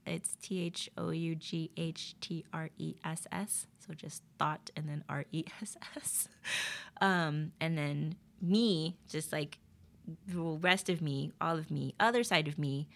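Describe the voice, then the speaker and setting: A woman guest chatting in an interview, telling stories in an animated way, with lots of fillers and laughter. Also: sits low, a little slow, gravelly. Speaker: guest, poet. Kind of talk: casual interview chat.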